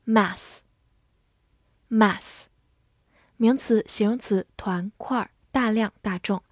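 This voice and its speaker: Slow, careful woman teaching vocabulary. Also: mid-range voice, a little mellow, no room sound, clean studio sound. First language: Mandarin Chinese. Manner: slow deliberate reading, spells words letter by letter. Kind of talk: scripted vocabulary lesson.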